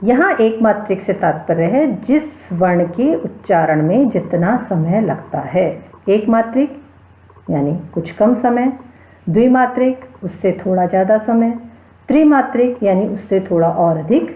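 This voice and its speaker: A woman teaching a Sanskrit grammar lesson, explaining slowly and repeating key terms while she spells out each sound. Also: mid-range voice, expressive. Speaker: Sanskrit lecturer. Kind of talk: slow explanatory lecture. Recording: echoey room over a tinny phone-like line.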